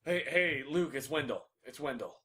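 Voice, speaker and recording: A man voicing an earnest young man who is anxious and rushed and repeats himself apologetically, in a tabletop game. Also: on the high side, expressive, pushed and bright.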